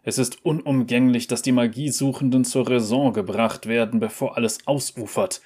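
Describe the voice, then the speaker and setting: A man's voice: medium pitch, steady tone, moderate pace, darkish tone, husky, natural voice. A man voicing a stern king who gives orders curtly. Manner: curt, commanding. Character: stern commanding king, curt and impatient.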